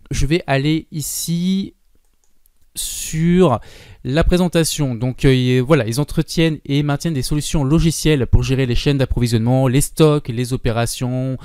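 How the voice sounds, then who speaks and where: A man hosts his own investing channel, talking through a stock in a relaxed, unscripted way, with frequent fillers and quick asides. His voice is smooth and clear, set at an ordinary middle pitch. The sound is dry and close, with no room around it. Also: no room sound. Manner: informal, many fillers and asides. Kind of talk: casual screen-share commentary.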